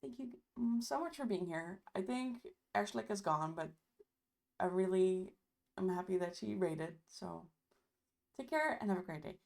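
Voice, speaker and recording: Gravelly-voiced woman streamer, losing voice. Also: mid-range voice, lively intonation, normal speed, darkish tone. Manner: chatty, thanks viewers often. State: losing her voice. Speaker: livestream host. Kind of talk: casual stream chat.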